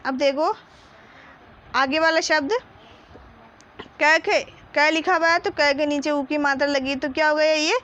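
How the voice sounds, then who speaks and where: A woman's voice: high voice, fairly even intonation, measured pace, long pauses, fairly bright tone, lo-fi sound. A woman teaching a children's Hindi reading lesson, patiently spelling out each syllable and blending them into words.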